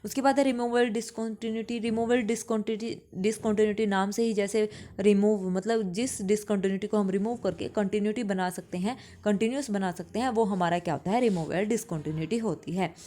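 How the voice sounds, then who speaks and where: A woman giving an exam-prep math lecture. She explains step by step, asks questions and answers them herself, and reads English definitions slowly before restating them in Hindi. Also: mid-range voice, steady tone, warm tone. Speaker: math teacher.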